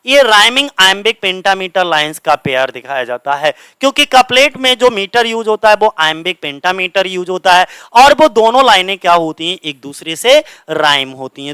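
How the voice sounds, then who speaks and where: Bright, high-voiced Hindi lecturing man. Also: smooth, no room sound, low-quality recording. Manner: repeats questions and answers them himself, mixes English terms into Hindi. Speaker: coaching teacher. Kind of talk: exam-prep literature lecture. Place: coaching centre classroom.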